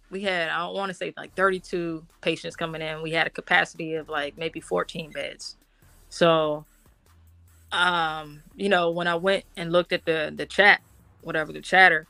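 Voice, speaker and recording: Bright-voiced woman telling army stories. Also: on the low side, vocal fry, no echo. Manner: informal, slangy, acts out quoted dialogue. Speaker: military officer, interview guest. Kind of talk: animated personal war story told conversationally.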